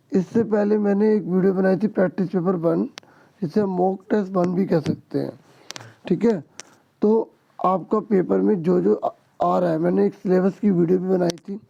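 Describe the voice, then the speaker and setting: A hoarse man teaches students through a practice paper, step by step, often pausing to check they follow. His voice is gravelly and dark, and the recording sounds dull and lo-fi. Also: high voice. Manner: explains step by step, keeps asking "ठीक है". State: hoarse, sore throat. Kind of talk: exam-prep lesson to students.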